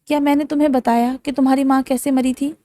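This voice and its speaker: A woman's voice: high-pitched, little pitch movement, mellow, dry recording, close to an everyday voice. A woman voicing a menacing female apparition in an audiobook, taunting and mocking a young man. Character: eerie taunting female apparition in a dark forest.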